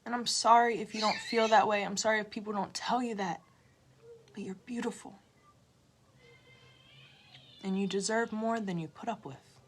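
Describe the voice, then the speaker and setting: Speaking in a mid-range, steady voice at a slightly quick pace, a woman tarot reader gives viewers of her livestream an emotional motivational talk. She repeats herself and moves between loud urging and near-whispers.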